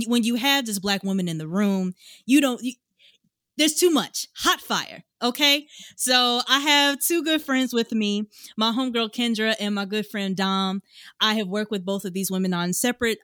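A woman's voice: medium pitch, a little slow, a bit bright, no echo, studio quality. A woman hosting a podcast, chatting casually and upbeat, often addressing listeners as y'all. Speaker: podcast host.

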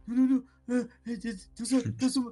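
A man's voice: very high-pitched, little pitch movement, normal speed, mellow, slightly rough, soft background music, pitched above the performer's own voice. A man doing a stammering, panicky nerd who pleads to keep his stolen cards. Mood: panicked.

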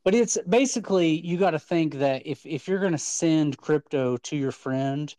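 A man with a fairly high voice chatting casually as co-host of an online audio show. He talks with persuasive enthusiasm and often restarts his sentences. The sound is dry and close. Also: moderate pace, warm tone, no echo, low-quality recording. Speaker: co-host of a crypto talk show. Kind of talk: casual chat.

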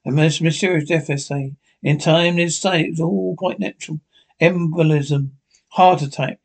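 A man acting out a creaky, murderous old man. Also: on the high side, steady tone, normal speed. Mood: gloating, menacing. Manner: menacing, theatrical. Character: gloating murderous old man, panicking when trapped. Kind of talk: melodramatic horror radio play reading.

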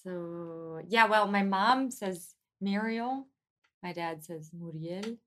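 This is a woman from Freiburg, Germany, whose mid-range voice moves slowly. She is a guest in an interview, speaking casually and reflectively while hesitantly searching for her words.

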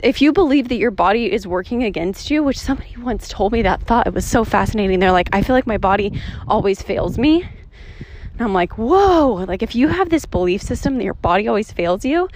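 A woman's voice: medium pitch, expressive, fairly quick, darkish tone, a little hiss or hum. A woman in her thirties talking casually and motivationally while out on a walk, a little out of breath, with lots of "like" and "right?". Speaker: vlogger. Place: outdoors on a walk.

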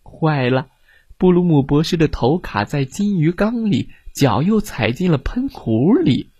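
A man narrating a bedtime story for children, slow and gentle, his pitch rising and falling with lively expression. His voice is slightly breathy and recorded close and dry. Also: dry recording.

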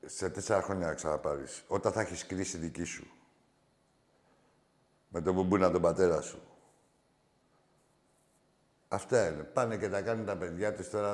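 Man, call-in show host, low voice, echoey room, brash, crude teasing banter. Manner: brash, crude, mocking callers; loud teasing with frequent laughs.

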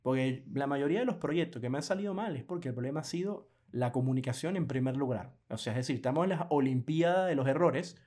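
A man co-hosting a casual podcast chat, animated and laughing often, acting out quoted clients in lively bursts. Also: mid-range voice, fast, few pauses. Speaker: podcast co-host.

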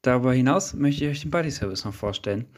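A man's voice: medium pitch, expressive, quick pace. A young man narrating a student radio feature, reading a script and putting interview questions.

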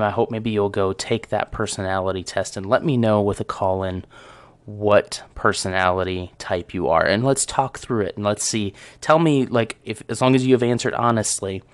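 A man's voice: fairly low pitch, clear, resonant tone, no room sound. A man hosting his own audio show, talking casually and reflectively to listeners about himself. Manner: reflective, conversational, self-aware. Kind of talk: casual solo talk. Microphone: close studio microphone.

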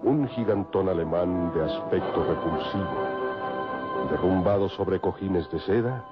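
A man's voice: low voice, expressive, slow pace. A man giving dramatic scripted radio narration in a grave, florid storytelling manner. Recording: dull lo-fi radio with loud music.

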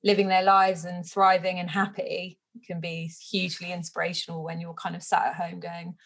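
A woman's voice: on the low side, level tone, normal speed, creaky. A woman from the UK, a sobriety coach, talking casually in an interview with many fillers and easy laughs. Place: home bedroom.

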